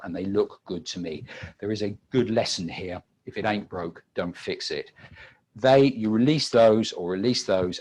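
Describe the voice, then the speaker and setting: A British man, a webinar presenter and audio engineer, gives an unscripted technical demonstration in a low voice with a breathy edge. He halts often, repeating words and filling gaps with pauses.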